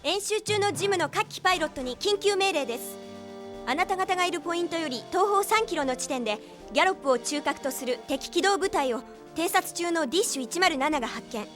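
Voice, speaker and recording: A military operator in a game, briefing pilots in a formal, urgent way with a high voice. Strong music runs under her. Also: animated, a little fast. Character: crisp female military operator giving orders.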